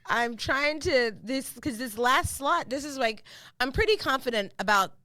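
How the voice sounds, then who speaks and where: Woman co-host, playful, quick to laugh; very lively pitch, dry close sound. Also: no echo. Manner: playful, laughs often, thinks aloud. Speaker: podcast co-host. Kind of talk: casual chat.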